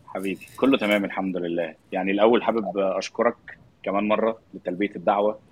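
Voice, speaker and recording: A man with an Egyptian accent hosting a live online interview in a casual, effusively polite, informal way, with a husky voice. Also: lowish voice, steady tone, fast, a little hiss or hum. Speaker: podcast host welcoming a guest.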